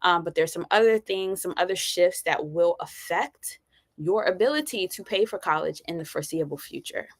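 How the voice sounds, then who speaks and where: A woman in her forties, a college planning advisor, hosts a live-streamed informational session, speaking at normal speed in a fairly low voice with lively intonation and no echo. She's conversational, candid, and personable, using fillers and frequently checking in with "right?".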